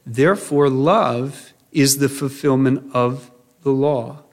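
A man's voice: medium pitch, takes it slowly. A man in his thirties preaching a sermon in an earnest, conversational way, with frequent fillers and asides. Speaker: pastor.

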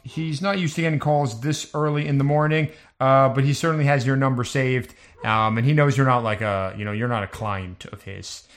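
Man game master, casual and mid-pitched. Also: moderate pace, few pauses. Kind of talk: casual tabletop game narration.

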